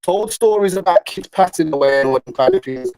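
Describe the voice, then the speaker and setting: A man's voice: high voice, expressive, a little fast, a loud crowd, low-quality recording. A man on a glitchy video call that keeps breaking up, confrontationally accusing someone during a live panel. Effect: glitchy video call audio, breaking up. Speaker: panel participant. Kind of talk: heated live-stream panel argument. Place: outdoors or in the countryside.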